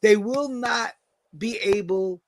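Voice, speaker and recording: A man from New York hosting a casual podcast chat with a loose, profane, drawn-out way of telling a story. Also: high-pitched, dry recording. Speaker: podcast host.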